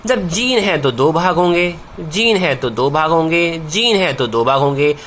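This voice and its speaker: A man teaching a science lesson to students, asking questions and answering them himself, repeating key words and slowing down on the answers. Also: on the high side, expressive, fairly bright tone, slight background noise. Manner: calls students "bhai", slows down on key answers. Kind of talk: classroom-style video lesson.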